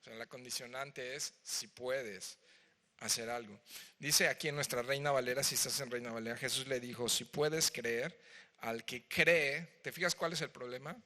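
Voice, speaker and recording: A man with a Mexican Spanish accent preaching a verse-by-verse sermon, expressive and chatty, acting out the voices of the story with asides to the congregation. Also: mid-range voice, moderate pace. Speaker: pastor. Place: church hall. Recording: church hall reverb.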